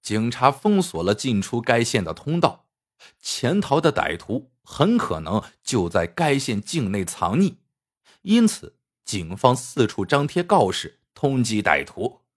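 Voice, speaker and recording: A man narrating a story in a scripted, measured way. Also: medium pitch, very animated. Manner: unhurried, measured.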